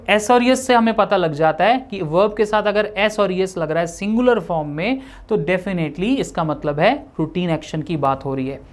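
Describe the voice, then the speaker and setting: A man teaching an English grammar lesson, explaining in Hindi with an Indian accent and slowing down to say each example sentence. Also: high-pitched.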